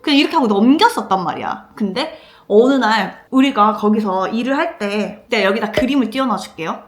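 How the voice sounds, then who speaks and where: A woman in her late twenties telling a personal story casually, acting out the lines she quotes. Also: on the high side. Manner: animated, acts out quoted lines. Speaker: vlogger. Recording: roomy echo.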